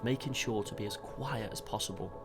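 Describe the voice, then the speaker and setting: A man calmly narrating a fishing trip in a measured, scripted voice-over. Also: lowish voice. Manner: calm, measured storytelling. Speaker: fishing vlogger. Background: background music.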